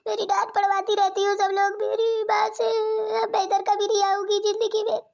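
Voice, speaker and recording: A whiny young sister-in-law in a cartoon, sulking and tearful, voiced by a woman. Her voice sits very high, almost childlike, as she complains between sobs. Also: little pitch movement, brisk, vocal fry, darkish tone. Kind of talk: cartoon voice acting.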